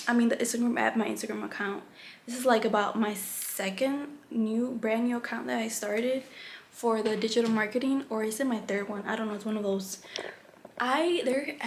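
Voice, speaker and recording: A young adult woman vlogging in a candid, rambling way, full of "like" and restarts. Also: a little high. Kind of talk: casual chat. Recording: echoey room, faint background hum.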